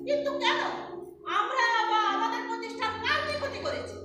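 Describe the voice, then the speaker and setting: A woman acting on stage as the defiant head of a women's consultancy, who speaks indignantly in sharp exclamations. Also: very high voice, fairly quick, background noise. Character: proud woman running a women's consultancy, defiant then panicked. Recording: echoey hall, distant mic, music behind.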